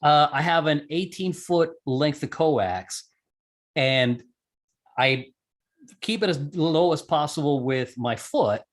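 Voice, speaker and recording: This man, an interview guest who does amateur radio and skydiving, explains a technical procedure one step at a time in a conversational manner, fixing his own slips as he goes. His voice is slightly high, animated, and slow.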